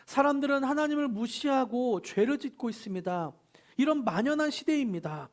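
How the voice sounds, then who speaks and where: A man's voice: very high voice, lively intonation, a little fast. A man preaching a Sunday sermon as pastor. He leads the congregation in reading scripture together and speaks the prophet's complaints in the first person.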